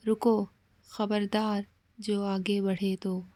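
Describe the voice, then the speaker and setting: A woman's voice: mid-range voice, flat delivery, slow, warm tone, dry recording, natural voice. A woman voicing a stern young village man who scolds and warns ominously in a horror story. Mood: scolding. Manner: scolding, warning tone.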